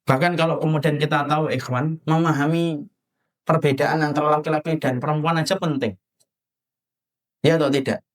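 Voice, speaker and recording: A man from Java giving an animated sermon, asking the audience questions and acting out little scenes. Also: a little high, moderate pace, pauses often. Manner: animated, rhetorical questions to the audience, acts out husband and wife. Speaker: preacher.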